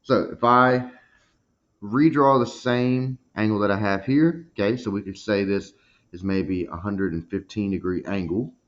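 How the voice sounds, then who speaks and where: Male math teacher, lowish voice, muffled lo-fi audio, patient step-by-step explaining. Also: a little slow. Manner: explains step by step, checks in with "okay?". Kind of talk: recorded math lesson. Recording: dull lo-fi recording.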